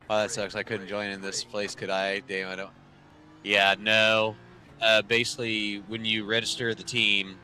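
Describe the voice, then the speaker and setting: A man's voice: on the low side, sharp tone. A man in his thirties streaming sim racing from home, rambling casually to viewers with dry sarcasm and lots of fillers.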